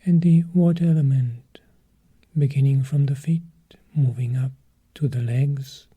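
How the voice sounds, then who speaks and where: A man with a mid-range voice, soft, breathy and husky, teaches a guided meditation. His phrases are short and measured, delivered calmly with long pauses.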